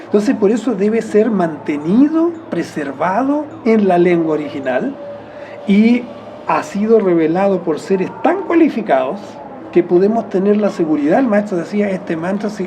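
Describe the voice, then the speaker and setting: Being interviewed, a high-voiced man with a Chilean accent muses and rambles as he explains, frequently revising his words mid-phrase and giving soft chuckles. There is background noise in the recording.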